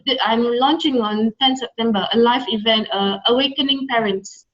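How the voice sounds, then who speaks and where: A Singaporean woman, a coach appearing as an interview guest, speaks at a moderate pace in a voice on the high side, and the audio sounds dull. Her talk is conversational and motivational, delivered emphatically with key phrases repeated.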